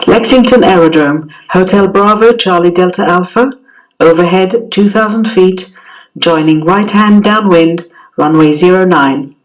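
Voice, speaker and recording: A man's voice: high voice, a little slow, recorded from a distance, low-quality recording. A man voicing a pilot's radio calls in clipped, formulaic phrasing, as if transmitted from a cockpit headset. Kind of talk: demonstrating aviation radio calls.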